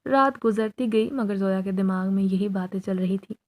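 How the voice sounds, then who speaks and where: A woman narrating a scripted horror story in an even, measured reading. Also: medium pitch.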